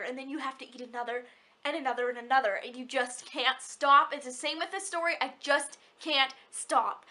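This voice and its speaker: A young woman with a high, bright voice talks about books she loves. She gushes and rambles in a hyper way, often stopping and restarting her sentences. The talk is casual and personal. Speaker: book vlogger. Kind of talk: casual chat.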